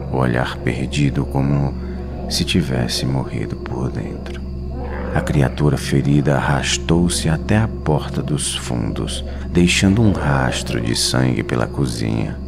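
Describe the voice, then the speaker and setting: A Brazilian man tells a scripted horror story over music in a rumbling low, gravelly voice. His dramatic narration is solemn and suspenseful, delivered in short, weighted phrases.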